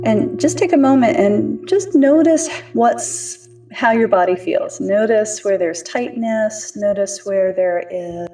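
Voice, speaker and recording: Mellow woman leading a calm grounding exercise. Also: medium pitch, distant mic, soft background music. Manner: unhurried, soothing, gentle instructing. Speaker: host of a wellness podcast.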